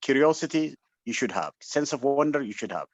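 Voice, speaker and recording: Here an Ethiopian-accented man talks fairly quickly in a mid-range voice with lively intonation and no room sound. His unscripted webinar speech is a fervent motivational appeal, full of urging and emphasis, with frequent repetition to drive points home. The audio comes through an online call mic and has a dull, low-fidelity webinar quality.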